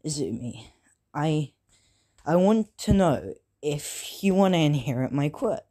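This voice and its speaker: A storyteller voicing a grown male hero in a lower, quieter and serious voice. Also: animated, a little slow.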